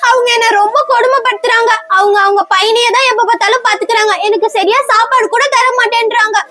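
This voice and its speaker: A woman's voice: extremely high pitch, fairly even intonation, quick pace. A woman voicing a neglected young girl who pleads and whines tearfully in a comedy skit. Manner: plaintive, whiny pleading.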